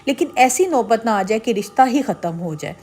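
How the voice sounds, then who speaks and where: A woman's voice: on the high side, lively intonation, a little mellow, breathy edge. A middle-aged woman giving earnest, persuasive marriage advice straight to her viewers in a casual vlog. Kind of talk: casual advice talk to camera.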